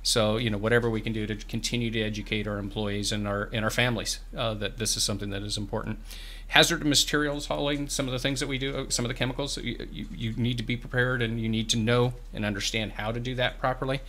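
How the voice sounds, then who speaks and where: The voice is mid-range, steady, quick, pushed and bright. It comes from a farm bureau representative in his fifties, a guest at a small radio studio with a boom-mounted mic and headphones, who explains programs earnestly and often starts sentences over.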